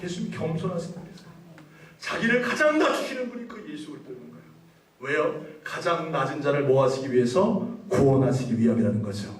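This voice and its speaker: Man, pastor, sermon with call-and-response, high voice, echoey sanctuary, mic some distance away. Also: lively intonation, crowd noise. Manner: asks the congregation questions and leads call-and-response; reads scripture slowly and emphatically. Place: church sanctuary. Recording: echoey church hall, voice from a distance.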